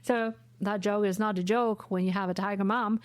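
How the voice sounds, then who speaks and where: A woman's voice: medium pitch, steady tone, moderate pace, no echo. A woman in her forties hosting a solo podcast from her home office, explaining her points in a lecturing way and often adding "right?". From Asia. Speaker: podcast host.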